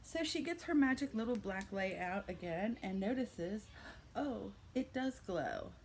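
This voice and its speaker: With lively intonation and a mid-range voice, an older woman vlogger recounts a reselling story a little slowly, framing it as a playful fairy tale full of theatrical flourishes and chatty asides. Slight background noise is present.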